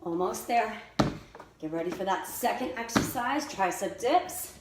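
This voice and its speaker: A woman instructs a workout by an indoor staircase, directing each step and cueing the exercises. She speaks a little slowly, with a medium-pitched, expressive voice. The space echoes and has faint noise.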